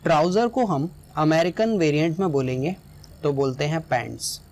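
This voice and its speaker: Man explaining a lesson, fairly high voice. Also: moderate pace, darkish tone. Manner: explanatory, often checks in with "right?". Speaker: teacher.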